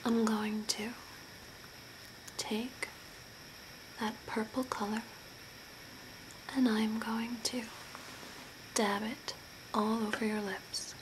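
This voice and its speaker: The voice is a young woman's soft, breathy whisper, a little high, as she plays an eerie, composed zombie makeup artist in ASMR role play. This host offers gentle, slow, deliberate instructions from a small room at home beside a window, and hiss and clear background noise run through the recording.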